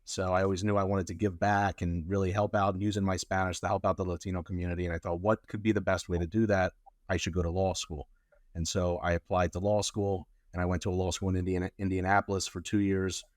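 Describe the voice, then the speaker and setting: A man's voice: sits low, little pitch movement, fast talker, no room sound, studio quality. A man in his thirties, born in Colombia, answering interview questions as a guest lawyer in a rambling, casual way with many fillers.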